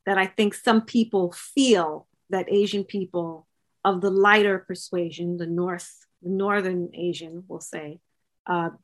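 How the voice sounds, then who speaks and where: A woman's voice: lowish voice, measured pace. A woman co-hosting a podcast, talking earnestly in a casual discussion with frequent restarts. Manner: earnest, hesitant restarts, animated emphasis. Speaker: podcast co-host.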